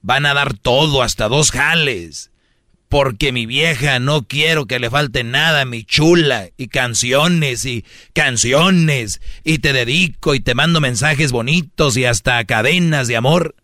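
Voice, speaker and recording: A man's voice: medium pitch, a little slow, pushed and bright, dry recording, clean studio sound. A man giving mocking, preachy advice as a comedic radio host.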